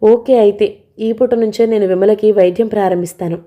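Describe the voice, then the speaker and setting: A woman's voice: mid-range voice, fairly even intonation, a little fast, lo-fi sound, lightly acted. A woman voicing a cautious older male doctor who speaks in a hesitant, matter-of-fact way. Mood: measured.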